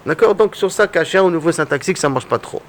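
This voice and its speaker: Man, Talmud teacher, fairly high pitch, step-by-step explaining, rhetorical questions, lesson style. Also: lively intonation, fast talker.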